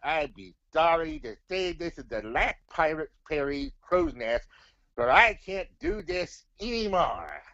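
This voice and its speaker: A man performs a gloomy pirate puppet in a comic puppet skit. He speaks in stock pirate dialect, unhurried and weary, on a dry, slightly dull recording. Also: on the high side, wildly swooping pitch, gravelly, sharp tone, no echo, full character voice. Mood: regretful.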